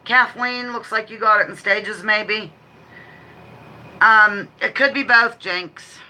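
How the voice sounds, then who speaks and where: A woman with a very bright, sharp voice hosts a relaxed live quiz stream. She talks quickly and chattily, drifting into apologetic asides between the questions she reads aloud. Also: medium pitch, poor audio. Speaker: livestream host running a trivia quiz. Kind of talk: casual live chat with read-out quiz questions.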